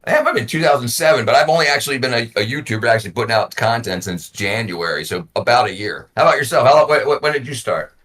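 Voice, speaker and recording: A man's voice: mid-range voice, expressive, fast, hardly any pauses, a bit bright. A man in his forties, a YouTuber guest in a casual talk, who rambles and repeats words as he thinks. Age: 40s. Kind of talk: casual conversation.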